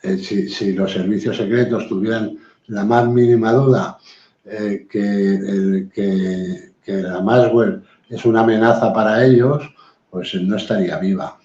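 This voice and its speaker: A man's voice: fairly low pitch, fairly even intonation, unhurried, mellow. A man, a guest in a live-stream talk, speaking bluntly and assertively with many hesitant fillers. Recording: roomy, dull lo-fi sound.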